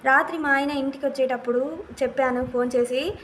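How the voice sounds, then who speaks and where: A woman with a high voice tells a personal story to her viewers in a casual vlog. She speaks earnestly and plainly, often repeating herself as she goes. A faint hum of room noise sits underneath. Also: fairly even intonation, fairly quick, a bit bright. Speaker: vlogger.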